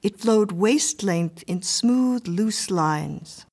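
Woman, story narration, measured, even, mid-pitched. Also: breathy edge.

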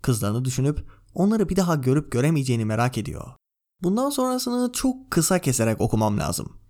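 A man hosting a book review podcast, summarising and analysing a chapter in a measured, enthusiastic way. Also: medium pitch, very animated, a little mellow. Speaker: podcast host. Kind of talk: book review podcast with read-aloud passages.

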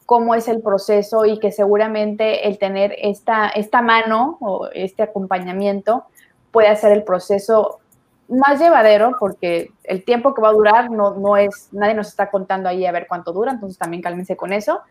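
A woman's voice: mid-range voice, steady tone, normal speed. A woman with a Mexican Spanish accent hosting a live talk show, chatty and emotional, reading viewers' comments aloud. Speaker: host of an online talk show.

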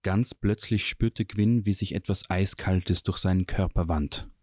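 Deep-voiced guy reading a fantasy book chapter, calm and even, dry sound. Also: a little slow, dry recording. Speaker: audiobook reader. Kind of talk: scripted narration of a fantasy novel.

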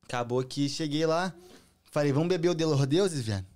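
Fast-talking young Brazilian man, slangy and boastful. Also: a little high, darkish tone. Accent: Brazilian Portuguese. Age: young adult. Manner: slangy, swearing, boastful storytelling. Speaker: guest musician. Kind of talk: casual chat.

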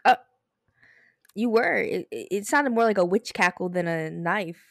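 A young woman co-hosting a casual podcast, trading wry, quick reactions with her co-host on a close mic. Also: medium pitch, gravelly, no room sound. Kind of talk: casual chat.

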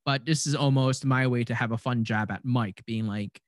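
A young man in casual sports chat, animated and ranty, swearing freely as he gets fired up. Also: medium pitch, moderate pace, no echo. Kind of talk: casual fantasy football chat.

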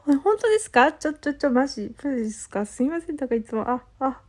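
A young woman hosting a casual solo audio talk, excitable and flustered, apologizing and laughing at herself as she talks in blunt, boyish casual speech. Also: high voice, fast. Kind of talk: casual solo chat, reading a listener letter.

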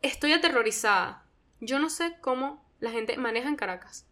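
A young woman with a Venezuelan accent, a guest chatting casually on a podcast, animated and slangy and laughing often. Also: a little high, normal speed.

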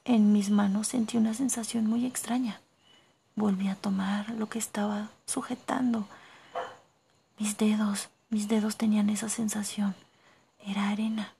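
Whispering woman storyteller, slow and gravelly, dark tone, hushed first-person narration. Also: medium pitch, little pitch movement, slight background noise.

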